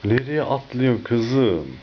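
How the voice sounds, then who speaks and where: A man at home singing a children's song in a gentle, coaxing singsong to his little daughter, on muffled camcorder audio with hiss. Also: mid-range voice, very animated, slow pace.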